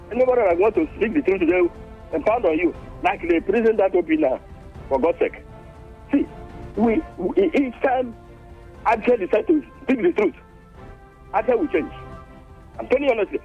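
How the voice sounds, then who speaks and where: A man calls into a radio show and speaks with fervent passion, repeating his points. His voice is high and gravelly, and his pitch swings widely. The call sounds dull and lo-fi. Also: expressive, fairly quick, long pauses, soft background music. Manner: impassioned, fervent, repeating himself. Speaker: radio caller. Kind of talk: phone-in call. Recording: dull phone line into radio.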